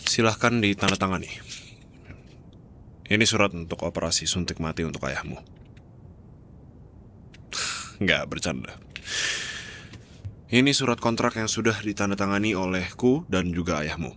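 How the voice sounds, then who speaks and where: A man playing a gentle, lovestruck doctor who comforts someone, in a soft, hesitant ASMR role-play. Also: lively intonation, moderate pace, long pauses. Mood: earnest, teasing. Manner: tender, hesitant, softly reassuring. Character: gentle doctor, wealthy man in love, comforting a crying woman. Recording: rumbling low background noise.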